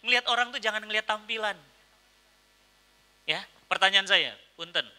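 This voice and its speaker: Animated high-voiced preacher. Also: male voice, normal speed, smooth, low-quality recording. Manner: animated, swings from loud to hushed, acts out voices. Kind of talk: lively sermon to a live congregation.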